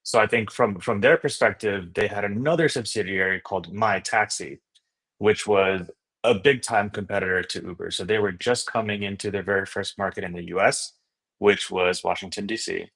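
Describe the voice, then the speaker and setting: His voice is fairly low, a bit bright, and moderately paced. He comes from Indonesia and speaks Indonesian natively, and as a startup founder and investor guesting on a podcast, he relates his story casually and eagerly, often tagging phrases with a checking word.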